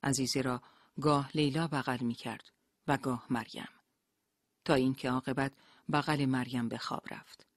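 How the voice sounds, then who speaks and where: A narrator reading a novel aloud in a steady, even storytelling manner. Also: medium pitch, dry recording, studio quality. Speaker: audiobook narrator.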